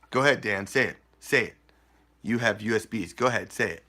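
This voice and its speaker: A man's voice: on the low side, normal speed, sharp tone. A man who is a Celtic folk singer and host, chatting loosely and joking with his audience between songs. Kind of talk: live concert singing with stage banter.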